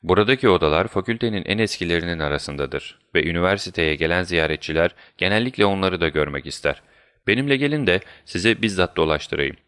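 A man voicing an anxious, fussy older male college tutor who pleads and frets, speaking a little above his own low voice. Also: lively intonation, fast talker, fairly bright tone, clean tone, no echo, studio quality. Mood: obliging. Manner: flustered, pleading.

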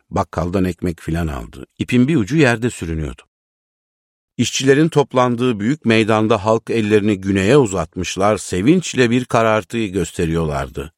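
Deep male narrator, measured literary reading, very dry close sound. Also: dry recording. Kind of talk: storybook reading.

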